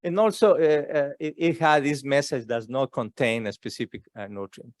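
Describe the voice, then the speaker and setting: A man's voice: mid-range voice, moderate pace, dry recording. Hesitant man presenting at a conference. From Ecuador. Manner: hesitant, many fillers and restarts. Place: conference room.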